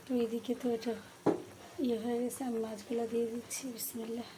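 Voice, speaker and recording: A woman talking softly while she cooks at home, narrating each step for her viewers. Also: on the high side, completely flat delivery, fast. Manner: speaks softly so a sleeping child stays asleep. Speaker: cooking vlogger. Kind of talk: casual cooking narration. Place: home kitchen. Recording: noisy kitchen ambience.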